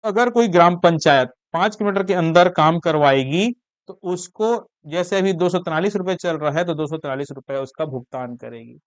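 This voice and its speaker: A man's voice: on the high side, moderate pace, smooth, dry recording. A young man teaching an exam-prep lesson, fighting a lingering cough and repeating key facts for students to memorize.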